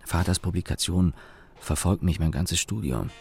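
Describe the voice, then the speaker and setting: In a German radio play, the narrator and lead actor plays a sardonic young engineer, a company employee recalling his father, in a reflective monologue. His voice sits low, creaky and a little mellow. The mood is dry and sardonic, and he speaks wryly and deliberately, pausing and correcting himself.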